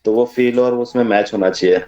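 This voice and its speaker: Speaking fairly quickly in a slightly mellow, medium-pitched voice with fairly even intonation, the leader of a homeopathy study group explains ideas through everyday examples, mixing in English terms. This casual teaching session was recorded in an echoey room with the mic placed far away.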